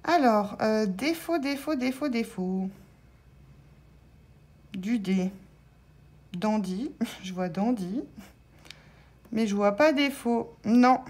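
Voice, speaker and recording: A woman vlogger commenting casually and hesitantly as she scratches lottery tickets, spelling out letters with many fillers. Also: on the high side.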